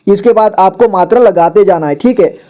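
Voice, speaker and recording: A man teaching reading, slowly reading out syllables one by one, often repeating each twice and adding short explanations. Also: high voice, warm tone. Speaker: Hindi teacher. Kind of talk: slow syllable-by-syllable drill.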